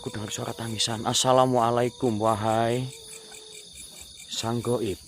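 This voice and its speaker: A man hosting a ghost-hunting vlog, loudly chanting calls to spirits and then speaking in hushed asides to viewers, outdoors at night. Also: mid-range voice, level tone, unhurried, a little hiss or hum. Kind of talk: night-time paranormal vlog. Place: outdoors at night among trees. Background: crickets and insects.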